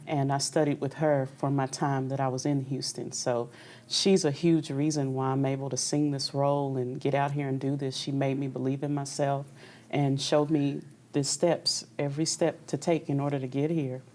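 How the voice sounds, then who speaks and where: A young woman opera singer from Kentucky, USA, speaks candidly and easily about her career in a conversational interview. Her voice is extremely low in pitch and dark in tone.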